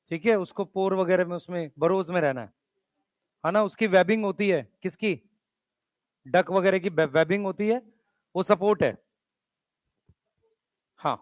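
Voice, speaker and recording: High-voiced man teaching a class, dry sound. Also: no echo. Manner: addresses students as beta, mixes English terms, prods them to write fast. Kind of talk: classroom lecture.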